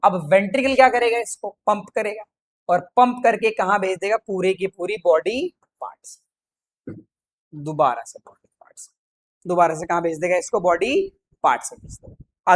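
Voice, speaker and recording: A man's voice: high-pitched, moderate pace. A man teaching a science lesson, chatty and playful, constantly asking questions and answering them himself. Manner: playful, chatty, mixes English terms into speech. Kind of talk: exam-prep science lecture.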